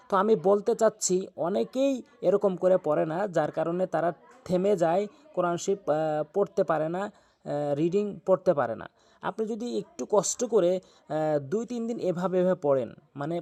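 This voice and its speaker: A man teaching Quran reading, who spells out each syllable and repeats words slowly and patiently. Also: on the high side, dark tone. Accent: Bangladeshi Bengali.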